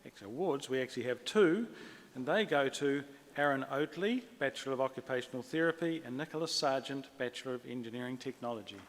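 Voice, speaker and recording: A man's voice: medium pitch, fast talker, a little hiss or hum. A man makes formal podium announcements as master of ceremonies. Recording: reverberant hall, amplified speech.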